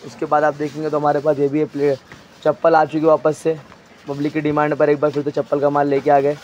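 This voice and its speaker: A man showing stock in a crowded wholesale storeroom, briskly listing items and prices and telling a helper what to hold up. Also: on the high side, monotone, a little mellow, highs cut off, a little hiss or hum. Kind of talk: walk-through product showcase.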